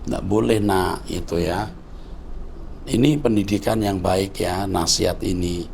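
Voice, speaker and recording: A gravelly, low-voiced man in his sixties teaches like a pastor, lecturing in a fatherly tone and often addressing his listener as a child. A faint hiss sits under his speech. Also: unhurried, a little mellow. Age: 60s. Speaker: pastor answering viewer questions. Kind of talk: conversational teaching.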